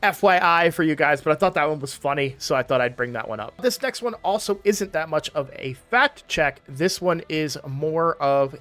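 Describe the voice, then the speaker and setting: A man's voice: a little high, lively intonation, normal speed, hardly any pauses, a bit bright, soft background music. A man hosting a casual gaming video from a room in his home, talking in a chatty way and often correcting himself mid-sentence. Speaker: gaming channel host.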